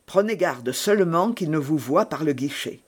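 A man's voice: on the high side, expressive, moderate pace, slightly rough. A man reading as an earnest, urgent young rescuer.

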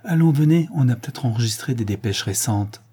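A man reading an audiobook, voicing a tender, earnest young woman in love, softly and gravely. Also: mid-range voice, lively intonation, fairly quick.

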